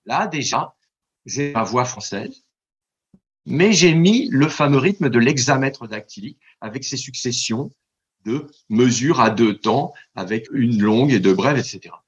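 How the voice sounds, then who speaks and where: A scholarly guest on a radio interview, this man translates and studies ancient Greek, explaining at length in an unhurried way. His husky, slightly high voice comes through dull lo-fi sound as he rambles, stammers, restarts, digresses, and gives lively demonstrations of recited verse.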